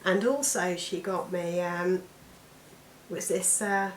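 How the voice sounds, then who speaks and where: A British woman with a croaky, allergy-affected voice, chatting casually to camera as a weight loss vlogger. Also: on the low side, slow. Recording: echoey room with background noise.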